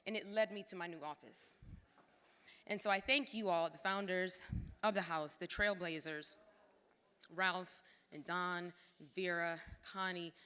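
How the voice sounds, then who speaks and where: A woman's voice: on the low side, pushed and bright, smooth. A woman giving a heartfelt, emotional thank-you speech at a formal gala, with casual asides to the crowd. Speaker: former cultural center director giving a thank-you speech. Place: large hall at a formal gala. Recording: long hall reverb.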